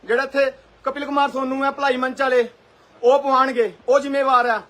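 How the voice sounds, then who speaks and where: A man's voice: extremely high pitch, flat delivery, fairly quick, pushed and bright. A young man, pleading and protesting to police as he streams live on his phone outside his house. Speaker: local party worker being detained. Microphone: phone held in hand.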